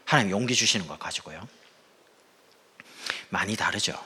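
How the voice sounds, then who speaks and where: A male pastor from the Gyeongsang region delivering a sermon with a slightly husky voice. His pitch swings widely as he preaches in a playful, lively way. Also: moderate pace. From Gyeongsang region, South Korea.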